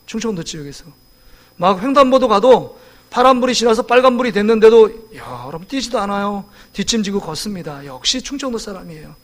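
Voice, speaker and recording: A man in his forties preaching a sermon in a church, lively and joking, often asking the congregation questions. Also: high-pitched. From South Korea. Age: 40s. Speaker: pastor. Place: church sanctuary.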